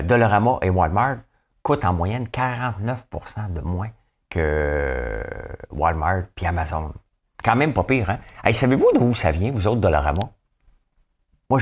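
A man with a Québécois French accent doing casual, rambling commentary on the day's news, often talking straight to his viewers and asking them questions. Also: deep voice. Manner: rambling, talks to viewers, asks them questions, hums songs. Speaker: host of a daily news chat.

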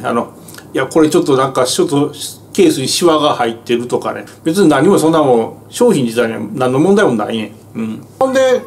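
A man's voice: high voice, darkish tone. A man with a Kansai accent, a truck driver rambling through a casual monologue to viewers with lots of fillers. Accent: Kansai Japanese. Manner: rambling, filler-heavy storytelling in broad dialect. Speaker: truck driver telling stories.

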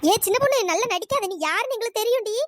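A woman voicing a bossy village woman who owns an orchard, in a squeaky cartoon voice, scolding in quick accusing bursts. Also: expressive, background noise. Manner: shrill scolding, fast and accusing. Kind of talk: cartoon storytelling.

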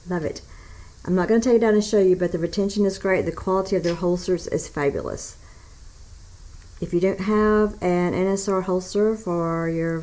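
A woman in her forties with a Deep South American accent, chatting upbeat and emphatically to camera as a channel host. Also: darkish tone, low-quality recording. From southern United States. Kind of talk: chatty promotional vlog to camera. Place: small carpeted room indoors.

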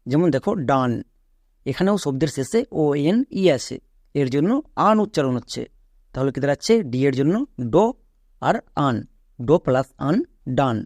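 A man's voice: mid-range voice, animated, normal speed, a little mellow, no echo, clean studio sound. A young man with a Bengali accent teaching English spelling in a lesson, explaining step by step and answering his own questions. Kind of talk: classroom-style spelling lesson.

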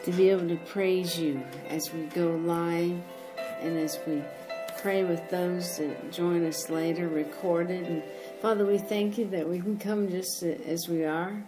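Slow-praying woman with music behind. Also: fairly low pitch. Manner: slow, fervent, repeating thanks. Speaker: podcast host leading prayer. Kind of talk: spoken prayer.

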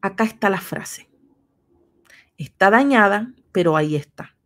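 A woman's voice: mid-range voice, animated, unhurried, a bit bright. A woman giving a history lecture on a livestream, patiently walking viewers through slides one step at a time.

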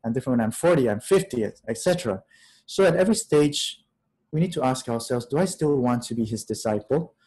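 A man's voice: mid-range voice, animated, fairly quick, slightly rough, rough recording. Man, fifties, priest, spiritual talk, reflective, questioning, webcam video call, small room. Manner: reflective, asks many questions, laughs softly. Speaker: priest giving a retreat talk. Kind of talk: spiritual talk to an online audience. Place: small room, in front of a plain wall.

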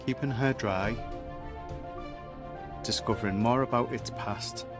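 A man's voice: medium pitch, a little slow. A man reading a scripted show introduction in an announcing tone. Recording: voice-over under loud music.

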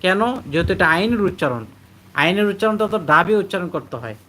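Man drilling Arabic letters in a bright voice. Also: high-pitched, lively intonation, slight background noise. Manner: patient, repeats letters and syllables slowly to drill pronunciation; reads out students' answers and praises them. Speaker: Quran teacher. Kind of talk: live online class.

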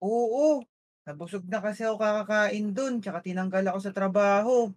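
A woman's voice: medium pitch, normal speed, a little mellow, close to an everyday voice. A woman voicing a suspicious, bumbling male police officer in a game role-play, questioning in a nagging way.

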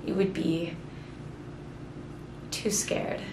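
A woman in her twenties acting a proud, bold young woman in a deliberate, challenging classical stage monologue. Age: 20s. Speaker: actor. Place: small plain-walled room indoors. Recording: roomy echo, clear background noise.

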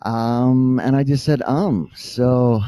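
A man's voice: medium pitch, takes it slowly, warm tone, no echo. A man giving a short impromptu answer at a club meeting, rambling and joking at his own expense. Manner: rambling, self-joking, hesitant. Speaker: club member answering a question. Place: cafe meeting room.

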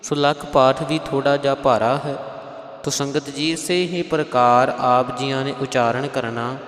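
A man with a Punjabi accent teaching scripture pronunciation. He chants verses slowly and then explains them plainly. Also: medium pitch, steady tone, a bit bright, reverberant, long reverb tail, faint music behind. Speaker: Sikh scripture recitation teacher. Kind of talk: slow scripture pronunciation lesson with chanted lines.

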